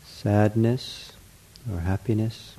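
A man leading a guided mindfulness meditation, speaking gently in short, unhurried phrases with an accepting, reassuring counselor's manner. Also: lowish voice, fairly even intonation, low-quality recording.

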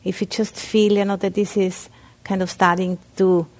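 This Austrian Buddhist nun delivers a dharma talk at a meditation center with an Austrian German accent, her speech halting and full of fillers and restarts. Her voice is mid-range, level and a little mellow.

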